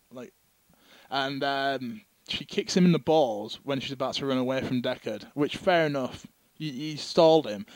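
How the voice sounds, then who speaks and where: A man's voice: medium pitch, no room sound, low-quality recording. A man co-hosting a casual podcast chat, rambling and swearing casually. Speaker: podcast co-host.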